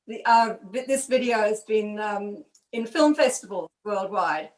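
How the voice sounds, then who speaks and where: A woman's voice: mid-range voice, a little slow, a little mellow. Roomy, distant woman. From Swansea, Wales. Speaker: musician and songwriter, podcast guest. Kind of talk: casual conversation on a music podcast. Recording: roomy echo, distant from the mic.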